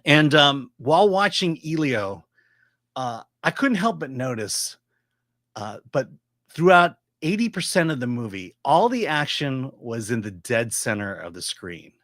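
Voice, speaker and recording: A middle-aged man reviews films casually in a voice of average pitch. He explains his opinions haltingly, and the sound is dry and free of room echo. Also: sing-song, a bit bright. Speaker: film reviewer. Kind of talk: casual movie commentary.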